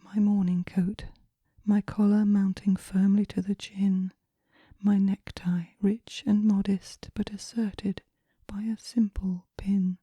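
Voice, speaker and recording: A woman gently recites poems in a hushed whisper, breathy and meant to soothe, never rushing. Her medium-pitched voice shows little pitch movement, and her tone is extremely soft and dark. The close recording is dry, with no room sound.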